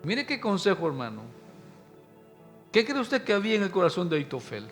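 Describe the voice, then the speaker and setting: A pastor delivers a Sunday sermon in an emphatic preaching manner, repeatedly turning to his listeners. His voice sits high and rings bright and sharp. Soft music lingers faintly behind him. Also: sing-song, fairly quick. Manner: emphatic preaching, often calling listeners "hermano".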